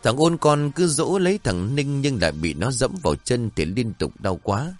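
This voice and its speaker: A man narrating a story in an expressive, dramatic way, with faint music behind. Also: medium pitch, normal speed.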